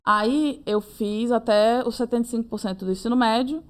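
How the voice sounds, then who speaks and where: This is a young woman being interviewed. She tells her story in a casual, lively way. She keeps slipping into acted-out quotes of her own and other people's words. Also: a little high. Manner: animated, acts out her own and others' lines in quick reported speech. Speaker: interviewee, approved medical student.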